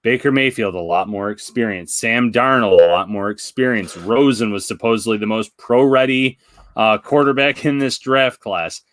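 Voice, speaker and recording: A man's voice: mid-range voice, normal speed, fairly bright tone, no echo, studio quality. A man co-hosting a casual sports talk show, breaking down plays in an analytical way. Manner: analytical, builds points with examples. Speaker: podcast co-host.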